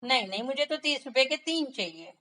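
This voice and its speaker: A miserly merchant haggles and insists in a fairly high, pressing storybook voice, as a woman narrator puts him on. He is stubborn and penny-pinching, pushing hard for a bargain. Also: lively intonation, fairly quick, pushed and bright. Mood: pleading.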